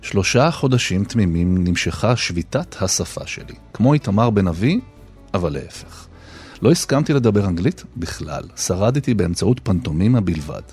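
A man hosting a radio show, narrating scripted personal stories in a measured way with deliberate pauses. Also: deep voice, sing-song, darkish tone, breathy edge, soft background music. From Israel. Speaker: radio host.

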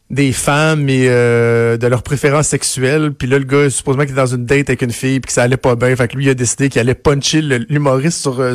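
A man's voice: medium pitch, dry recording, clean studio sound. A man with a Quebec French accent hosting a casual radio chat, asking rambling, jokey questions. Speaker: radio host.

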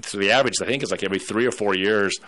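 A man's voice: lowish voice, racing, a bit bright. A man hosting a radio talk show, telling stories in a casual, rambling way with many restarts. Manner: rambling, storytelling with put-on voices.

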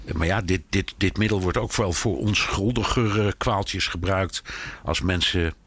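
A man giving measured, explanatory commentary in conversation, hesitating often as he thinks. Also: sits low, fairly bright tone, husky. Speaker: commentator on American politics. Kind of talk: conversational analysis.

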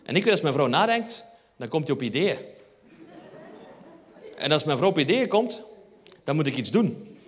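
A man with a Flemish accent performs stand-up on a theatre stage, telling a wry story and turning to the audience. His voice sits fairly high. A long hall reverb trails every line. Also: very animated, moderate pace, pauses often. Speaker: stand-up comedian. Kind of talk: stand-up routine.

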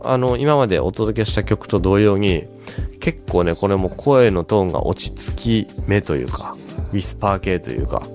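A man hosting a casual music radio show, chatting with enthusiasm about songs, with many fillers and pauses. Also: lowish voice, animated, a little mellow.

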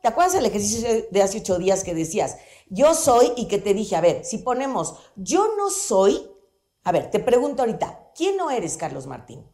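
A woman, talking about psychology on the radio in an animated, playful way with many examples. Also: medium pitch, quick pace, few pauses. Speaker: psychology guest on radio show. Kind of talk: conversational radio talk. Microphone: studio microphone.

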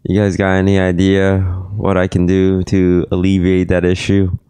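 A hungover man hosting a live podcast from a convention, laid-back and halting with fillers. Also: low-pitched, completely flat delivery, mellow, clear, resonant tone, dry recording. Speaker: podcast host. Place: at a gaming convention.

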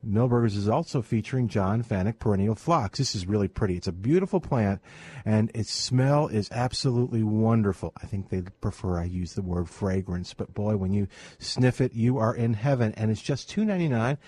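A man's voice: fairly low pitch, fairly quick, mellow, breathy edge. A male radio host giving an enthusiastic, conversational advertising read.

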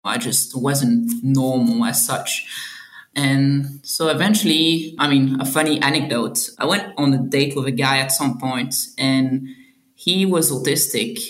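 A woman's voice: extremely low pitch, measured pace, roomy sound. A young woman from Belgium, a doctoral candidate, telling her own story in an earnest, reflective interview. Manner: earnest, reflective, with some hesitant restarts. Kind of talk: personal testimony interview.

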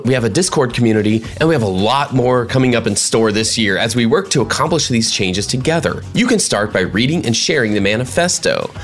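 An upbeat male podcast host with a lively, rising and falling delivery. He moves between a read monologue and warm introductions, with faint music under his voice. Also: mid-range voice. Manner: upbeat, welcoming, lively intonation. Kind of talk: podcast hosting and scripted monologue.

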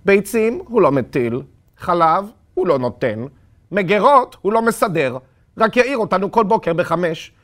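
A man's voice: high voice, a bit bright, pitched above the performer's own voice. A man voicing a flustered mother who complains in exasperation. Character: flustered mother, middle-aged woman.

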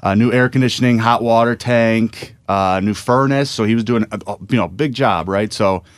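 A man co-hosting a casual chat, self-deprecating and quick to laugh. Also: medium pitch, clean tone, no echo.

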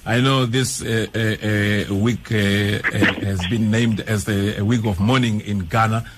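A man working as a radio interviewer, putting questions in a conversational, halting way. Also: fairly low pitch, steady tone, background noise.

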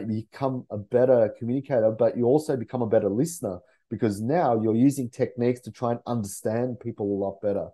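A man's voice: mid-range voice, warm tone. A man speaking as a memory coach guest in a casual podcast chat, earnest and rambling with many fillers.

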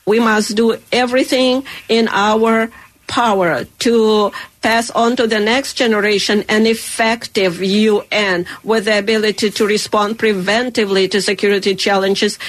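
A woman interpreting a speech live, her interpreter voice steady in pitch. She stops and restarts with fillers as she works to keep pace with the speaker.

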